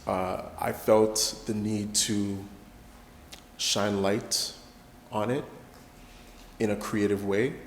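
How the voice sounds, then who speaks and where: A man's voice: lowish voice, flat delivery, slow pace, pauses often, reverberant, big-room sound, a little hiss or hum. A man from Canada, a poet and guest, talking in a reflective and hesitant way, with many fillers. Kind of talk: spoken word performance then casual interview talk.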